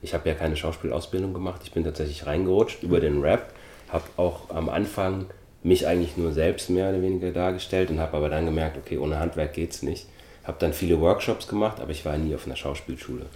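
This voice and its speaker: A middle-aged man from Austria, an actor speaking as an interview guest in a thoughtful, measured way with frequent hesitations. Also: rumbling low, warm tone, echoey room. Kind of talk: relaxed interview talk.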